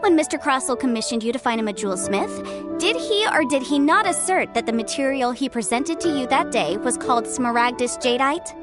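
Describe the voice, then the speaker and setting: An actress voicing a clever, confident young legal advisor in a video game, with a crisp and lightly amused manner. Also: female voice, sits high, expressive, fairly quick, over music.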